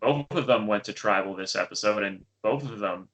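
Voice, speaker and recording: A man's voice: lowish voice, a little fast, fairly bright tone, dull audio. A young man co-hosting a podcast, chatting casually about a TV show with lots of fillers and restarts. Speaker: podcast co-host. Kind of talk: casual chat.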